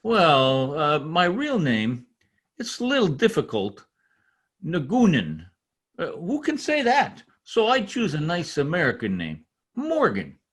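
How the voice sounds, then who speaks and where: In an old-time radio comedy, a man voices a proud, excitable immigrant tradesman who speaks halting, earnest English in a foreign accent. His husky voice sits on the high side, the acting is heavy, and the mood is cheerful.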